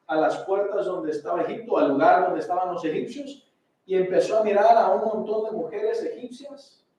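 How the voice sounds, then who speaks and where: A male pastor preaching a sermon, emphatic, slowing down and dropping to a hush to stress his words. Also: high voice. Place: church sanctuary. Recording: very echoey sanctuary from far off.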